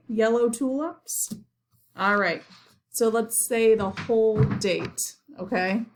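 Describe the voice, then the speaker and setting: A woman speaking like a kindergarten teacher leading young children through a lesson, encouraging them in simple, repeated phrases and pausing for answers. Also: fairly high pitch.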